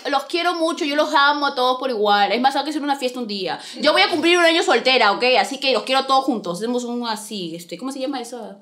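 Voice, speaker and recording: Young Peruvian woman hosting story time, animated and blunt, pitch swinging all over. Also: fast, hardly any pauses. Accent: Peruvian Spanish. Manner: animated, gossipy and blunt, with swearing. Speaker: storytelling host. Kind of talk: casual story time chat.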